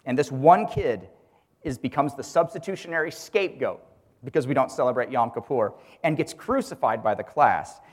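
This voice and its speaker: A man's voice: medium pitch, lively intonation, normal speed. A man who is a teacher gives a religious teaching talk to a group, asking rhetorical questions and calling on listeners by name. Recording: long hall reverb.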